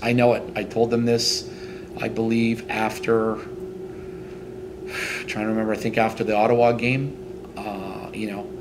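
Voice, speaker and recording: A middle-aged man, a head football coach, answering post-game interview questions in a halting way, with many fillers and restarts. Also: on the low side, background noise. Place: indoors in front of a team logo backdrop.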